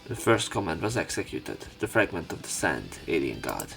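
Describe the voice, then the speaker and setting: A man with a low, gravelly voice reads a visual novel aloud at a moderate pace and in a sing-song way, acting as a let's play host. He adds some commentary of his own and occasionally stumbles over words, while soft game music plays faintly in the background.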